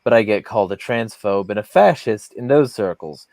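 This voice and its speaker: A man's voice: lowish voice, animated, normal speed, a little mellow, no echo. A man hosting a podcast who rants bluntly and swears often in casual heated talk. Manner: blunt, profane, ranting. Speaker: podcast host.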